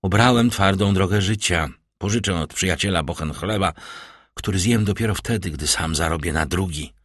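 A man's voice: sits low, normal speed, a bit bright, no echo, clean studio sound. A man voicing a proud, determined young nobleman in an audiobook, speaking firmly and earnestly. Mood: earnest resolve.

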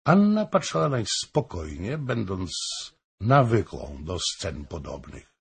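A man narrating a historical novel as an audiobook, slow and expressive. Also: sits low, gravelly, breathy edge.

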